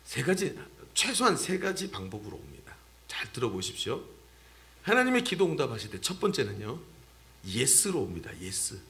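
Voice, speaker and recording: Male pastor, sermon in a church, animated, lively swinging pitch, bright forceful tone. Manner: animated, addresses the congregation directly.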